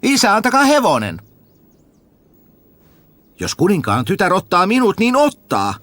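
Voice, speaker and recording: A man voicing a simple, cheerful peasant boy who shouts with glee about his finds. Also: sits high, no echo, soft background music, pitched above the performer's own voice, exaggerated voice. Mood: gleeful. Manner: shouting, gleeful, excited.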